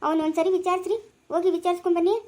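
A woman playing a proud, stubborn woman police officer who gives brisk orders. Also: extremely high pitch, little pitch movement, darkish tone. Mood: worried. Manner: brisk and commanding.

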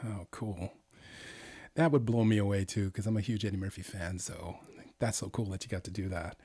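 A man's voice: fairly low pitch, normal speed, warm tone, husky. Friendly man hosting an interview. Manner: friendly, praising, hesitant with fillers. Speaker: interview host. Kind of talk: casual interview.

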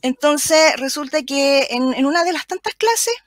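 A woman with a Chilean accent, a teacher telling a lively anecdote as a guest on a video call. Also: sits high, measured pace, dry recording. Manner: animated, acts out the children's voices. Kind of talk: storytelling anecdote in live chat.

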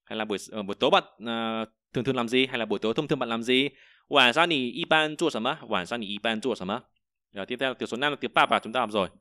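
A man teaching a vocabulary lesson, explaining each word and repeating example sentences slowly, with frequent hesitations. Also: medium pitch, pushed and bright, no room sound, clean studio sound. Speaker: Chinese teacher.

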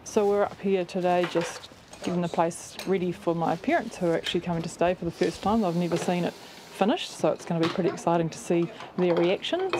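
A woman's voice: lowish voice, background noise. A young woman with a New Zealand accent, a farmer talking earnestly and chattily in a documentary interview. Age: young adult. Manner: earnest, chatty, with fillers like "like" and "actually". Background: background music.

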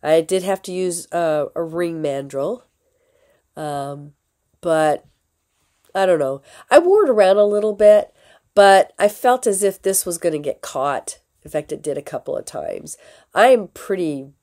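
Slow, hoarse woman vlogger. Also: deep voice, expressive. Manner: slow, unhurried talk with fillers and soft laughs. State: hoarse from a lingering illness. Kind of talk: casual crafting tutorial.

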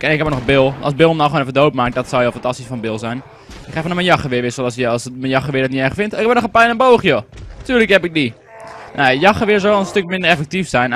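A man's voice: fairly high pitch, a bit bright, a little hiss or hum. A young man giving casual, rambling commentary while playing a game, and swearing when it lags. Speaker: gaming commentator. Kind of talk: casual let's-play commentary.

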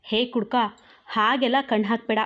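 A woman voicing a sharp-tongued young woman who teases and bosses. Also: fairly high pitch, fairly even intonation, normal speed, highs cut off, lightly acted. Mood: teasing.

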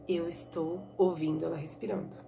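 Woman doing a calm blind boy in a told story, low and hushed, with a sharp ear for danger. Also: fast talker, slight background noise, close to an everyday voice.

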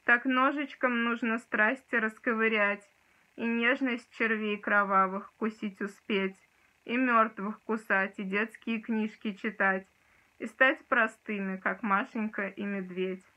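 Young female, dramatic poetry declamation, sharp highish voice, steady pitch, lo-fi home recording. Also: a little slow. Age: young adult. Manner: forceful, rhythmic declaiming. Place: small room indoors. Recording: dull, lo-fi sound.

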